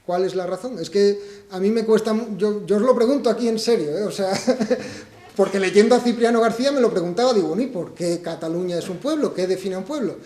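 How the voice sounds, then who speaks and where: A man from Spain speaks at a book presentation with a fairly high but mellow voice, working through his ideas aloud and asking the audience rhetorical questions. The hall around him adds a roomy echo. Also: a little fast. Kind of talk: public talk to an audience. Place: event hall.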